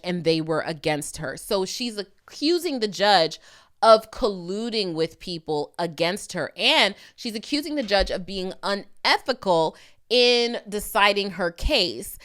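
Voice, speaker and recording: A mid-range, somewhat bright female voice belongs to a legal commentator hosting a video channel. She addresses viewers directly in a chatty but emphatic and opinionated manner.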